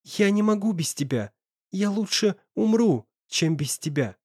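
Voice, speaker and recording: A man's voice: high voice, lively intonation, measured pace, a little mellow, breathy edge, dry recording, clean studio sound, pitched above the performer's own voice, full character voice. A man doing a tearful pleading young woman. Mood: anxious. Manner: sobbing, desperate pleading.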